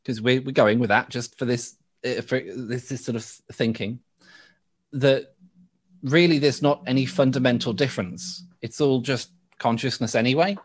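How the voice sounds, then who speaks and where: English guy from the west midlands, thinks out loud, lots of restarts, interview chat. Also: mid-range voice, breathy edge. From West Midlands, England. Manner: halting, with frequent restarts and laughs. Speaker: podcast guest. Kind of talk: thoughtful conversational interview.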